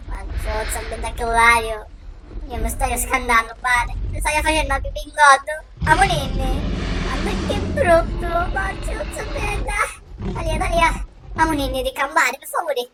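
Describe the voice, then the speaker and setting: A woman's voice: high-pitched, unhurried, background noise. A woman voicing a whiny, frightened youngster with a Sicilian accent in a comic parody dub of a dinosaur film, pleading and exclamatory. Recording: music running under the voice.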